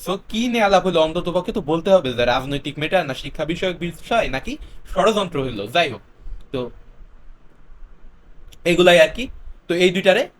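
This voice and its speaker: A man teaching a grammar lesson. He explains step by step, slips English words in, and repeats his example sentences slowly. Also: on the high side, expressive, a little hiss or hum.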